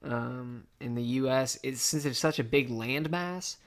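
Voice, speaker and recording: Jokey midwest dude in his 20s, keeps cutting in with one-liners on a podcast. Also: mid-range voice. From Missouri, USA. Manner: jokey, quick to butt in with wisecracks. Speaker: podcast co-host. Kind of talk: casual chat.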